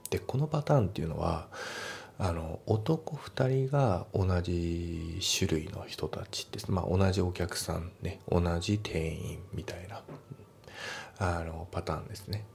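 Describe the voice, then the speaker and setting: A man explains English grammar and pronunciation like a teacher in a relaxed, chatty way, full of fillers. His voice sits very low with a gravelly edge. A faint hiss of noise runs under the recording. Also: a little slow.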